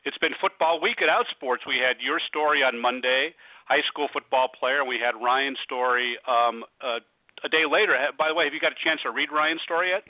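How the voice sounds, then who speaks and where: Low-pitched American host on phone-like radio audio. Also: male voice, a little fast, no room sound. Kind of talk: casual sports talk interview.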